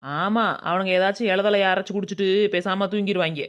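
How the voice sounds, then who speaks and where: Voice actor doing a scatterbrained village nurse, cartoon, Madurai Tamil accent, fast, blunt. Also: mid-range voice, steady tone, a bit bright, highs cut off, close to an everyday voice. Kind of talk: cartoon comedy dialogue.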